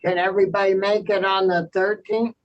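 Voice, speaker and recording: A committee chair running a meeting over a video call, halting and full of fillers. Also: medium pitch, level tone. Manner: hesitant, halting, many fillers. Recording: dull lo-fi audio.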